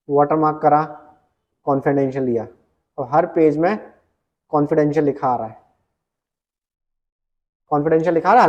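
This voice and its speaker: A man teaching an exam-prep computer lesson, reading English questions slowly and explaining them in casual Hindi. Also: fairly high pitch. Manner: often adds "ठीक है" as a check-in.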